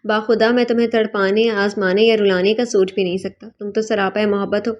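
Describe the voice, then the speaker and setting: A woman voicing a remorseful young husband in an audiobook, with a soft, pleading and emotional delivery. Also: medium pitch, little pitch movement, close to an everyday voice. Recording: dull lo-fi recording.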